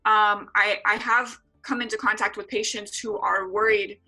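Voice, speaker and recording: A woman in her twenties, an EMT from San Diego, California, earnestly responds to interview questions as a guest, with frequent filler words. She has a mid-range voice with a steady tone and a sharp quality, speaking at normal speed while faint music plays behind her.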